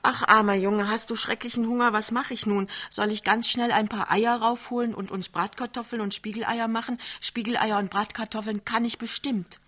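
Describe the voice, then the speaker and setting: A woman's voice: fairly high pitch, fairly even intonation, bright, forceful tone, voice pushed up. A woman reading aloud who voices a cheerful, fretting young newlywed wife, speaking in an eager, fussing way. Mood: caring. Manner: eager, fussing, quick to indignation. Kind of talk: literary reading on radio.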